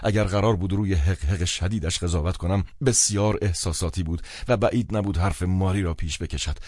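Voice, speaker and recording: Low-voiced man narrating an audiobook. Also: a little mellow, dry recording, studio quality. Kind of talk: first-person literary narration.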